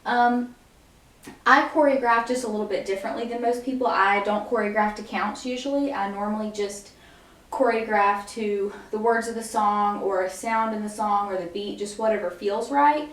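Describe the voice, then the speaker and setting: A woman's voice: mid-range voice, moderate pace, a bit bright. A young woman casually teaching a dance routine step by step, with lots of fillers and sung lyric snippets. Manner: chatty, frequent fillers, sings lyric snippets while demonstrating. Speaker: dance instructor. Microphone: camera mic at a distance. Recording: echoey room, far from the mic.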